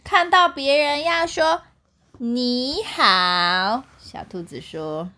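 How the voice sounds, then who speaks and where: Animated Taiwanese woman reading a bedtime story. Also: high voice, measured pace. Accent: Taiwanese Mandarin. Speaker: parent reading to a child. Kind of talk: bedtime picture-book reading.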